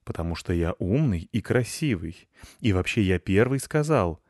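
A man's voice: low voice, lively intonation, normal speed, a little mellow, no room sound, studio quality. A man doing a firm, bossy grey tomcat. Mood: matter-of-fact. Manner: matter-of-fact, firm.

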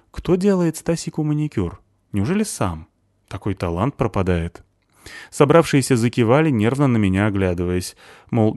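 A man's voice: low-pitched, a little mellow, dry recording, studio quality. A man narrating a first-person audiobook story in a sardonic, tough manner.

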